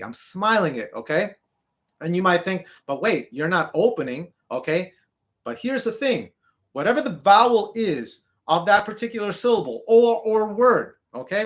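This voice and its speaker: A deep-voiced man gives a singing lesson, tacking "okay?" onto almost every phrase and singing brief notes to demonstrate. His tone is fairly bright.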